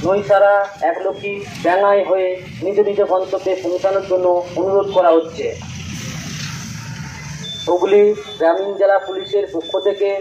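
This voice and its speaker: A man reads a formal police traffic warning through a loudspeaker. His high voice stays flat and measured as the message repeats. The recording is muffled, with faint noise underneath. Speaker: police announcer. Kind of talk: public safety announcement.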